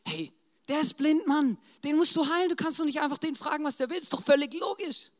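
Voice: high-pitched, lively intonation, brisk, voice pushed up. A preacher voicing exasperated disciples who lecture their master in disbelief, in a reverberant church. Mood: incredulous. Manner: incredulous, lecturing.

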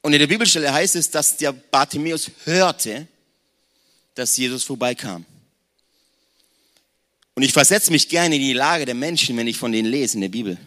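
A man around forty preaching a lively sermon in a conversational tone, speaking straight to the congregation. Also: mid-range voice, normal speed, pauses often. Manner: conversational, addresses the congregation directly, mixes in English slang words. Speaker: pastor.

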